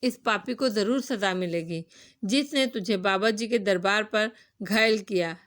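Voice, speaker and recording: A woman's voice: medium pitch, fairly bright tone, close to an everyday voice. A woman reading a novel aloud, voicing a simple, kindly old village man with rustic, folksy speech.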